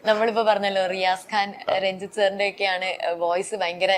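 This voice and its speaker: A woman's voice: mid-range voice, level tone, quick pace, a little hiss or hum. Woman interviewer asking brief questions. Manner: brief questions and frequent backchannel murmurs. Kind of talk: interview conversation.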